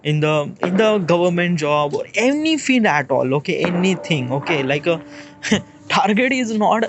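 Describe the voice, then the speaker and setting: A man in his late twenties with an Indian English accent, thinking aloud in a rambling, halting monologue and checking in with "okay?" as he goes. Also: sits high, big pitch swings, over music. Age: 20s. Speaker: vlogger. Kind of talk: casual reflective monologue.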